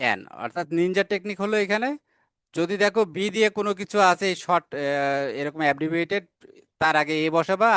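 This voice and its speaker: Slow-explaining grammar teacher, dry close mic. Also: male voice, a little high, fairly bright tone, clear, resonant tone, no room sound. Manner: explains step by step, reads English examples slowly; frequent "ah" fillers and self-corrections. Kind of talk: classroom grammar lesson.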